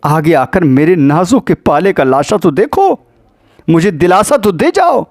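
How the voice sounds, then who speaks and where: A woman's voice: on the low side, very animated, darkish tone. A male preacher voicing a grieving woman who pleads with her father over her slain brother, in a raised, reproachful lament. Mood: anguished pleading.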